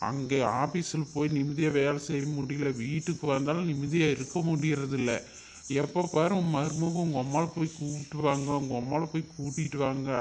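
A man's voice: on the high side, a little hiss or hum, lightly acted. A man playing a grown son who pleads with his mother to come home, frustrated by gossip at work and in town. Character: worried grown son, office worker. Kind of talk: village family drama acting.

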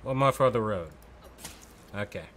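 A man's voice: on the low side, lively intonation, normal speed, fairly bright tone, a little hiss or hum. A man casually commenting on his game playthrough, offhand and joking, muttering to himself. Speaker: gamer.

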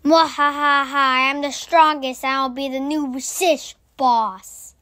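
A child voicing a boastful, scheming fish boss with slow, theatrical villain menace in a cartoon meme skit. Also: sits high, steady tone, pushed and bright, no echo, studio quality, full character voice. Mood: gloating menace.

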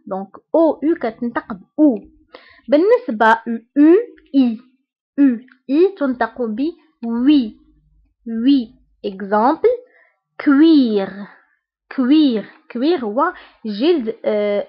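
A woman with a Moroccan Arabic accent teaching French pronunciation, spelling out vowel pairs and repeating each example word slowly. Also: on the high side, highs cut off. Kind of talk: slow explanatory language lesson.

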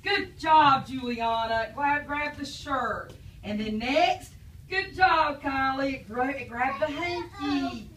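Here the teacher's voice is high-pitched, slow, and fairly bright, with a little hiss or hum. She's an adult preschool teacher asking young children questions and praising them after reading aloud, picked up from afar in an echoey classroom.

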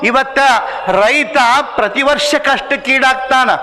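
Brief: male preacher, high bright voice, storytelling sermon in a reverberant hall. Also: unhurried. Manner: storytelling, acts out dialogue, emphatic. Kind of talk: sermon with folk anecdotes.

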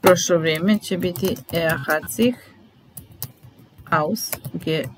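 A language teacher with a voice on the low side runs a vocabulary lesson, dictating word by word in a deliberate, repetitive, instructional way with repeated phrases. She's in a small indoor room, with background noise and keyboard typing audible.

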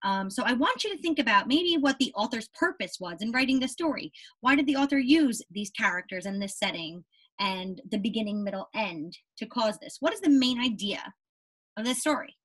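A young elementary teacher runs a read-aloud lesson for little kids in a small whiteboard room, emphasizing and repeating important words and frequently checking in. Her fairly high voice is expressive and a bit bright, her pace is normal, and the recording quality is poor.

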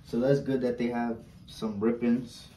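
A young man does an unboxing vlog, chatty and slangy, repeating himself and asking for likes. His medium-pitched voice is flat, a bit slow and dark-toned. A fixed camera several steps away in a small indoor space picks him up with a roomy, distant sound and faint background noise.

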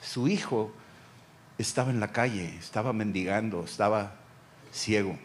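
A man with a Mexican accent, a pastor preaching a sermon, repeating phrases and dropping to quiet lines. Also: fairly low pitch, measured pace, slight background noise.

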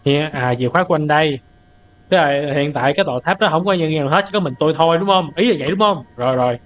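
A young man doing let's-play commentary on a horror game, easily startled into loud outbursts and translating the game's English lines aloud as he goes. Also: a little high, very fast, lo-fi sound. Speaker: gaming streamer.

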